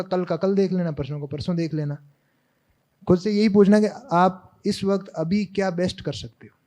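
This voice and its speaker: Young man from Rajasthan, fairly high and mellow, earnest advice-giving to a student crowd. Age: young adult. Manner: earnest, repeats advice in short lists. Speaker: exam topper giving advice. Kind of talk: motivational talk to students.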